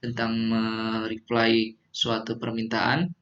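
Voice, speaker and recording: A man's voice: fairly low pitch, completely flat delivery, takes it slowly, fairly bright tone. A man teaching English phrases, patiently repeating them for students to drill. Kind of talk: classroom teaching simulation. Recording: muffled lo-fi recording.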